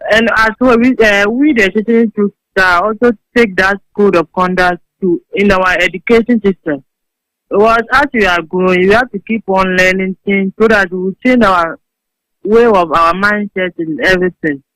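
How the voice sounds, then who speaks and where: A woman's voice: mid-range voice, normal speed, fairly bright tone, no echo. Hesitant woman caller, clipped phone line, dry and close. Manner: hesitant, with many fillers. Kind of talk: call-in comment.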